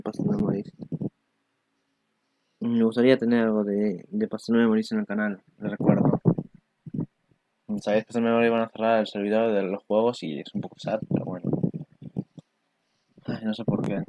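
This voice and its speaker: A man's voice: fairly low pitch, level tone, normal speed, pauses often, warm tone, a little hiss or hum, rough recording. A man chats casually over an anime preview, rambling, exclaiming and swearing as he goes. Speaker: anime reaction youtuber. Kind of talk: casual commentary.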